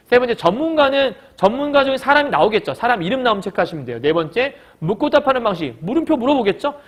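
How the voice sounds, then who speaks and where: A male teacher records a lesson with a bright, high voice that leaps up and down as he talks. He keeps checking in with his students through quick questions and answers them himself. Now and then he acts out a short quoted line in a sharper, raised voice. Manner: lively, explains by asking the class and answering. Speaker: Korean language teacher. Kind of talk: recorded online lecture.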